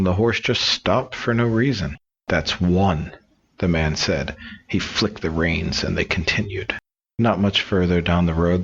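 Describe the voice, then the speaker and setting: A man reads jokes aloud in a relaxed, storytelling manner. His voice is deep and husky. The recording sounds dull and lo-fi. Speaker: joke reader.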